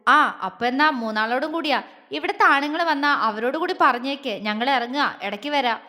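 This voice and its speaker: A woman's voice: high-pitched, moderate pace, sharp tone, long reverb tail. Agni, a woman doing a protective young man. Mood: fond, firm. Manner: affectionate scolding.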